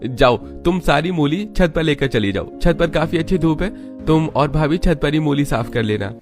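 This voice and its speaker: A man's voice: fairly high pitch, lively intonation, normal speed, over music, voice pushed up, natural voice. A man voicing a stern older mother-in-law in a cartoon story, scolding and bossy.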